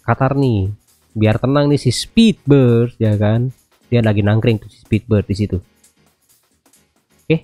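A gaming video host in his thirties, speaking with an Indonesian accent, delivers chatty, informal gameplay commentary sprinkled with English radio-style phrases. His mid-range voice has a warm tone, and the recording is dry. He sits indoors at a computer with music playing behind him.

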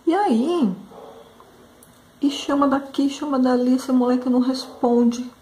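A woman's voice: high-pitched, a little slow, mellow. A woman hosting a craft channel who chats through a story while she paints, talking emotionally and often calling out to her viewers. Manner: emotional, exclamatory, addresses viewers as "gente".

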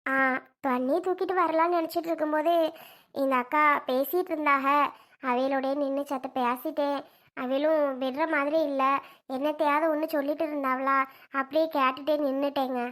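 Brief: woman as a put-upon rural wife, very high-pitched, pleading and shrill. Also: steady tone, a little fast, a bit bright. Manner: pleading, then shrill and alarmed. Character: put-upon village wife standing up to husband. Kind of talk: homemade village comedy skit.

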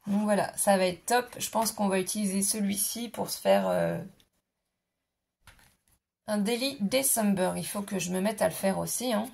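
A woman's voice: mid-range voice, very animated, moderate pace, vocal fry, a little mellow, husky. A woman vlogger showing off a scrapbooking haul in a casual, gushing way, her voice a bit worn. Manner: gushing, enthusiastic, repeats "trop mignon". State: voice going, clearing throat. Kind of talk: casual product haul show-and-tell.

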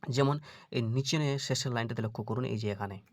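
Male teacher for a Quran reading lesson, mid-pitched, dry close sound, patient, asks students questions and recites words slowly. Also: steady tone, dry recording.

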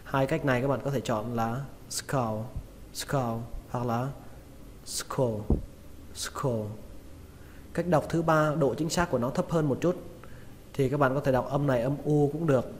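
Guy teaching pronunciation, super slow, says every word twice, bit of reverb and faint hiss. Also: medium pitch. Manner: repeats each word slowly and carefully. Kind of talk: slow spoken vocabulary lesson. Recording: long reverb with faint noise.

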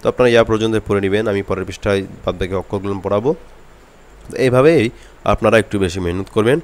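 Bengali guy teaching quran reading, says each letter again and again, lowish voice. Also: rapid-fire. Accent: Bangladeshi Bengali. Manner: patient, repeats letter sounds many times for drilling. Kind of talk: step-by-step recitation lesson.

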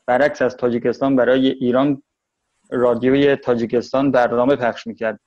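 A man's voice: mid-range voice, flat delivery. Tajik-accented man in a lo-fi interview. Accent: Tajik Persian.

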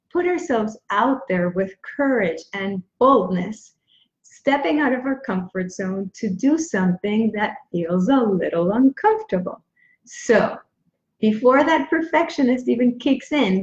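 A woman's voice: medium pitch, darkish tone. An upbeat, emphatic woman in her forties, a speaking coach giving motivational tips straight to camera, stressing her key words. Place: small indoor room at home. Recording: roomy echo, dull lo-fi sound.

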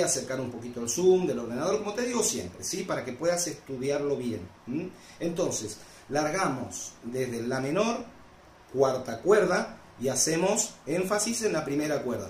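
Argentine male guitar teacher, mellow, slightly high voice, echoey room with guitar. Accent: Argentine Spanish. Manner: patient, repeats "¿sí?" and "¿m?" as checks. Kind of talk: casual guitar tutorial.

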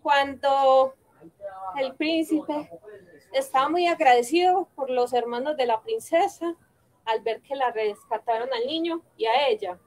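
A woman telling a fairy tale on stage, halting and correcting herself as she goes. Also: sits high, expressive, low-quality recording. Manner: halting, with frequent self-corrections. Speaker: storyteller.

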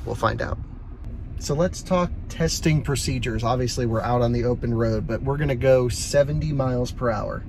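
A man's voice: medium pitch, normal speed, creaky, darkish tone, slight background noise. A man in his thirties hosting a casual car review, talking upbeat and explaining from inside a car. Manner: upbeat, explanatory, laughs often. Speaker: host.

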